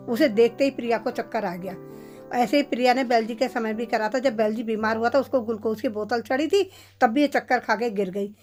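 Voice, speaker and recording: A woman's voice: on the high side, a little mellow. A middle-aged woman narrating her daily home routine in a chatty way, talking straight to her viewers. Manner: chatty, addresses viewers directly. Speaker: vlogger. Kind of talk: casual home vlog narration.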